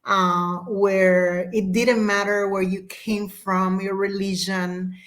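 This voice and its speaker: A woman from Rico, a guest in an interview, speaking warmly and reflectively with many fillers. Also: medium pitch, little pitch movement, slow pace. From Puerto Rico. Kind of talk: interview conversation.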